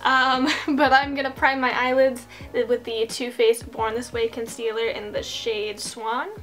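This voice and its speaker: A woman's voice: fairly high pitch, little pitch movement, a little slow, a bit bright, soft background music. A young woman chatting casually while doing her makeup at home, rambling and self-deprecating, into a desk microphone. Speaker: streamer and vlogger. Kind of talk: casual get-ready-with-me chat.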